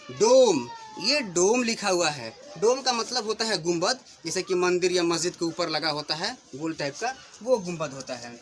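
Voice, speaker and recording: Patient high-voiced male teacher explaining sounds. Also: slight background noise. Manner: patient, questioning, stresses example words loudly. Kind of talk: classroom lesson explaining English pronunciation to children.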